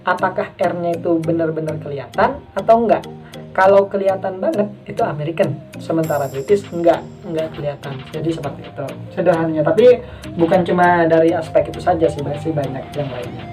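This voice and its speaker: Casual tutor, woman, Indonesian accent, low mellow voice, drills example words slowly; distant mic, faint music. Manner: chatty, repeats example words slowly, drawn-out demonstrations. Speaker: English pronunciation teacher. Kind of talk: casual video lesson.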